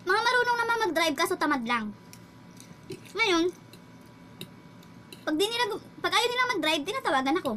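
A chatty woman vlogger telling a story about her job as a driver, laughing as she goes. Her voice is very high and bright, and she talks quickly. A faint room ambience hums behind her. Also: very animated, a little hiss or hum. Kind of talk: casual storytelling vlog.

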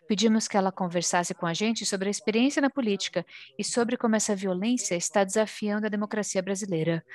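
Brazilian woman interpreting a formal speech. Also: medium pitch. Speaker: simultaneous interpreter.

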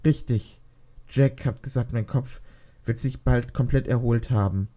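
A man's voice: mid-range voice, measured pace, warm tone, lightly acted. A man voicing an uncertain, hesitant teenage girl who has lost her memory, in a read-aloud fan fiction story. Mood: unsure.

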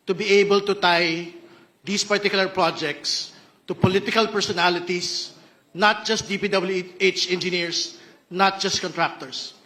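A fairly high-voiced man with a Filipino accent chairs a formal hearing. His tone is bright and forceful. He moves between Tagalog and English as he directs the proceedings. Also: poor audio. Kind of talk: formal legislative hearing talk.

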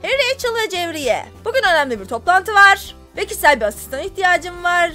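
A woman's voice: very high voice, sing-song, brisk, music in the background, pitched above the performer's own voice. A woman voicing a demanding male office boss in a video game, speaking in short, commanding lines. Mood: pleased. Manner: curt, commanding.

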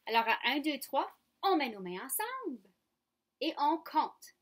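A woman teacher with a Franco-Ontarian French accent, leading young children through a phonics lesson in slow, clear, coaxing speech. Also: sits high, sing-song. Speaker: kindergarten teacher.

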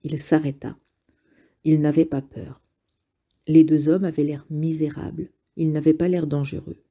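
A woman with a husky voice reading a novel aloud in calm, measured audiobook narration. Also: deep voice. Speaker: audiobook reader.

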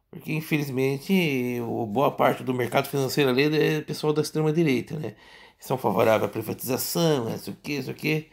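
A political commentary vlogger, a man with a Brazilian accent, offers casual, off-the-cuff news commentary. He rambles, halts, and repeats himself, tossing in frequent tag questions, with a medium-pitched voice and vocal fry.

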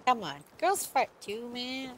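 Tipsy lady on game chat, slow drawl, crude and teasing, hissy noisy line. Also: a little high, animated, a bit bright. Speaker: random teammate. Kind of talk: casual voice chat.

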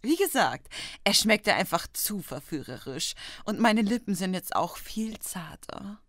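A woman voicing a brash, shameless, mischievous alicorn pony princess in a fan audio drama, blunt, teasing and expressive. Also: mid-range voice, measured pace, no echo, clean studio sound. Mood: sheepish.

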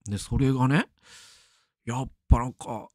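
A man's voice: medium pitch, normal speed, a little mellow, dry recording, studio quality. A middle-aged man hosting a radio show, talking casually and rambling, laughing often. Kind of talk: casual solo talk.

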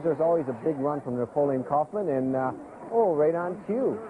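A man narrating sports highlights in a broadcast style. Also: moderate pace. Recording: tinny broadcast, loud stadium noise.

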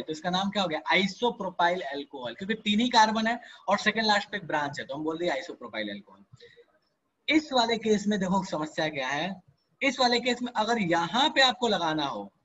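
Male online chemistry tutor, high and bright, coaxing and repetitive, slightly dull audio. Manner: coaxing, repeats "ठीक है" and "ध्यान दो", asks and answers own questions; addresses students by name, mixes English terms into Hindi. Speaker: chemistry teacher. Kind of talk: live online class lecture.

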